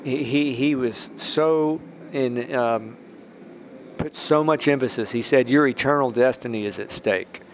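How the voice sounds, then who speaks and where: A man's voice: medium pitch, unhurried, slight background noise. Rambling man hosting a faith podcast. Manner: rambling, with restarts and emphatic rises. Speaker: podcast host.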